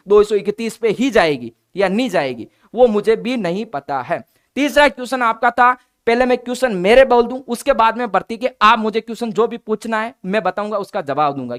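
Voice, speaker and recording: A man's voice: high voice, fairly bright tone. A man, an exam coaching teacher speaking bluntly and directly to his viewers in a conversational update talk.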